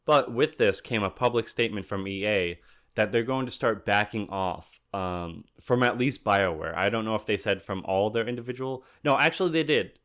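Man, fairly low voice, laid-back podcast chat, trips over words. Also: moderate pace, fairly bright tone. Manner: stumbles over words, laughs easily. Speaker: podcast co-host.

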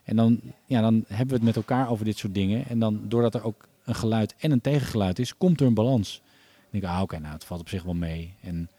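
Low, dark-voiced man musing. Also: quick pace, few pauses, dry recording. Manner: thoughtful, many hesitations and restarts. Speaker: podcast guest. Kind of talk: casual podcast conversation.

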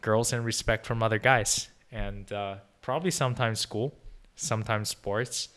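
This podcast guest is a young man from China whose native language is Chinese, chatting informally in an interview. He has a lowish, clean, slightly bright voice, holding a steady tone at normal speed. Thoughtful by nature, he keeps restarting his sentences and leans on fillers.

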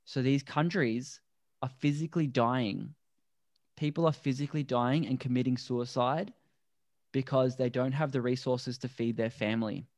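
A man, a guest on a podcast, explaining things earnestly and deliberately in a conversational interview. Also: mid-range voice, no echo. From Australia. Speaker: podcast guest, endurance athlete.

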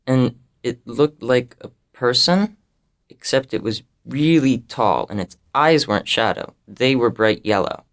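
A woman reading a storybook, voicing a nervous, hushed young neighbor boy. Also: a bass voice, measured pace, voice pushed down.

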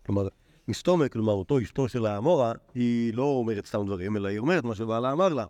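A man, a rabbi, teaching a Talmud class, animated and full of repeated words and fillers. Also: mid-range voice, no room sound. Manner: animated, acts out quoted sages in a raised voice. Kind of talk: lecture to a class.

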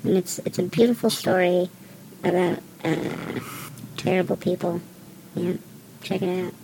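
A woman co-hosting a podcast, rambling through crude jokes in a deadpan way with plenty of fillers. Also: lowish voice, measured pace, vocal fry, noisy background. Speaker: podcast co-host. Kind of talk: casual comedic chat.

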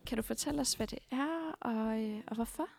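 Young woman cohost, slightly high voice with lots of fry, asks stuff with ums, faint music. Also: a little mellow. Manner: friendly, hesitant questioning. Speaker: podcast co-host. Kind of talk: casual interview chat.

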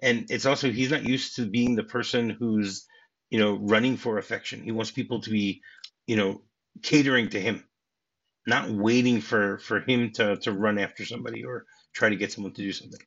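A man with a husky, slightly breathy voice, talking casually as a podcast host. He circles back and restarts often, and the audio sounds dull and lo-fi. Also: lowish voice, steady tone, fairly quick, a bit bright. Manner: chatty, many restarts and laughs. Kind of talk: casual film discussion.

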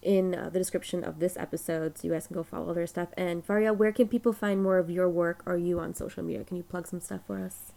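A woman's voice: on the low side, fairly even intonation, fast, vocal fry, mellow. A woman hosting a podcast, talking in a friendly, loose way with many fillers. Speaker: podcast host. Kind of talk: casual chat.

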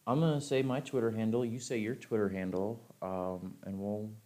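A man's voice: lowish voice, flat delivery, moderate pace, dark tone. A man co-hosting a casual podcast, rambling and often breaking off mid-sentence, laughing easily. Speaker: podcast co-host.

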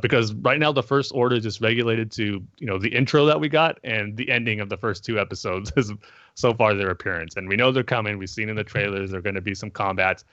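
A man on a casual podcast, giving a measured review with lots of hedging and fillers. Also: on the low side, a bit bright, no echo. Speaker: podcast co-host. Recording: dull lo-fi dry sound.

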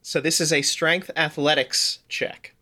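A man running a tabletop game as its game master, speaking slowly with a bright, sharp tone. His voice sits a little higher than most men's, and he narrates in a measured, descriptive way. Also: steady tone.

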